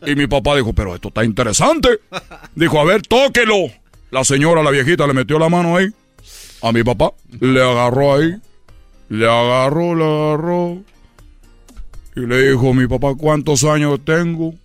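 A man's voice: fairly high pitch, moderate pace, clean tone, no echo, soft background music, lightly acted. A man voicing a boastful baseball player, spinning a comic tall tale on a radio sketch. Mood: storytelling. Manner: animated, slips in "chico", laughs at own stories. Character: boastful chatty male baseball player telling tall tales. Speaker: comedy character on radio show.

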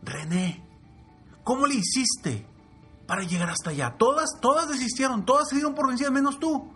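A man voicing eager storybook animal reporters asking excited questions. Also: extremely high pitch, normal speed, husky, soft background music, voice pushed up, full character voice. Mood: amazed, eager.

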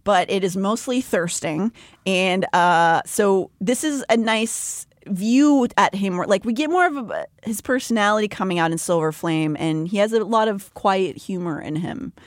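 A woman co-hosting a book podcast, recapping chapters in a relaxed, wry way. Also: mid-range voice, normal speed, no room sound, clean studio sound. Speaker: podcast co-host.

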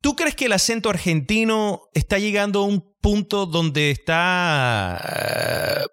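A man interviewing a guest, asking probing questions with halting restarts. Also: sits high, big pitch swings, fairly bright tone, clean tone.

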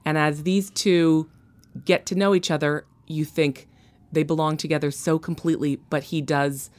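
Low-voiced woman telling a story. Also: steady tone, moderate pace, darkish tone. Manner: enthusiastic storytelling, acting out characters' lines. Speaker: guest. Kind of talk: casual podcast chat.

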